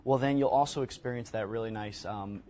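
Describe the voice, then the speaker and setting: A man in his thirties appears as an expert guest on a home shopping show, explaining a product emphatically and repeating words for stress. His lowish, warm voice moves fairly quickly. He wears a lapel mic on an indoor TV studio set, and the broadcast audio is slightly dull and lo-fi.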